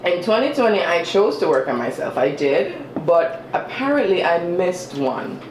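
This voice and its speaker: Eating on camera, a vlogger chats casually in a medium-pitched voice with big pitch swings and a moderate pace. Chewing and mm-hmm sounds break into the chatty, self-deprecating talk, and the recording is roomy with faint ambient noise.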